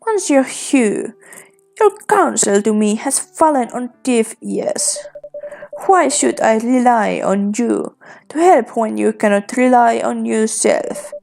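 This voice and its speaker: A woman's voice: fairly high pitch, slow pace, vocal fry, a little mellow, faint music behind. A woman voicing a haughty elite society lady. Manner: curt and condescending.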